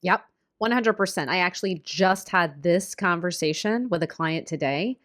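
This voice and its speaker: A woman co-hosting a casual diet podcast, upbeat and quick to laugh. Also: fairly low pitch, a bit bright. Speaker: podcast co-host, diet coach.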